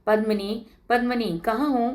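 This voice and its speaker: A woman's voice: medium pitch, a little slow, natural voice. A woman voicing an eager, spirited young married village woman in a read-aloud story.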